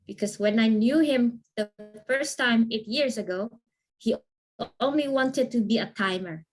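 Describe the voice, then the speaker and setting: A woman leading an online training session and answering questions in a lively, encouraging way. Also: on the high side, unhurried, faint music behind. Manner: lively, encouraging, asks listeners to confirm.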